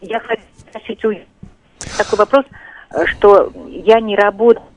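A man calling in to a radio show over a bad phone connection that keeps breaking up, speaking haltingly and struggling to be heard. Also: high voice, little pitch movement, a little hiss or hum. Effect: breaking-up phone connection, cutting in and out. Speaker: caller. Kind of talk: call-in question to a radio show. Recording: choppy, dull phone line from far off.

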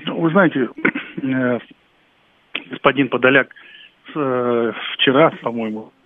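A man on a thin, narrow-band telephone line that keeps breaking up and cutting out. He speaks at a middling pitch, hesitating often and trailing off mid-word. The sound is dry and close, with no room around it. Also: slow, dry recording. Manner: hesitant, many fillers and broken-off words. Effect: breaking-up phone line, connection dropping out. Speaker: military expert phone-in guest. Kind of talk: phone-in commentary on a radio talk show. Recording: tinny, dry phone line.

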